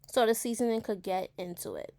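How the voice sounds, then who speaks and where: A woman's voice: fairly high pitch, a little fast, dark tone. A young woman in her late teens from New York talks casually through a cooking recipe, chatty and speaking straight to her viewers while repeating words for emphasis. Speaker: home cook vlogger.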